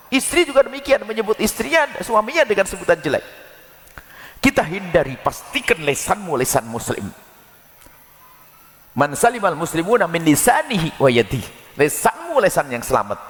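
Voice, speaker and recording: Lively, reverberant male preacher. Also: on the high side, normal speed. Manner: lively, folksy preaching with jokes and acted-out quarrels. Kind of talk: sermon.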